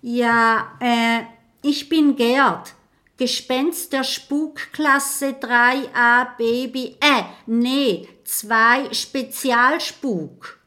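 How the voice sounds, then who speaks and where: Lady doing a scared little boy ghost, stammery, kinda high, slow. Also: steady tone, pushed and bright, heavily acted. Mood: nervous. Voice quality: stammering, hesitant. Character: timid young male ghost, nervous and stammering. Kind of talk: audiobook character voice.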